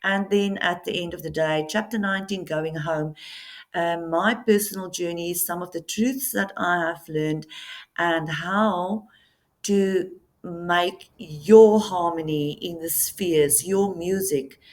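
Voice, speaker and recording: A woman whose first language is Afrikaans presents her book in a casual talk to camera from a Namibian coastal town. Her voice is on the low side, and she speaks slowly and hesitantly, with many ums and pauses.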